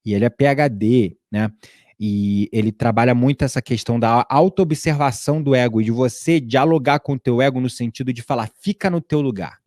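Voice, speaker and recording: A man with a Brazilian Portuguese accent giving a casual teaching talk, animated and acting out his inner dialogues. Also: mid-range voice, dry recording, studio quality. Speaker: spiritual teacher.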